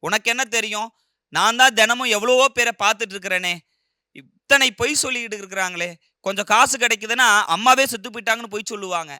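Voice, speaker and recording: A man's voice: high-pitched, fast talker, sharp tone, no room sound, studio quality, voice pushed up. A man voicing a stern, suspicious middle-aged husband who scolds and insists in a storybook retelling. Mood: insistent.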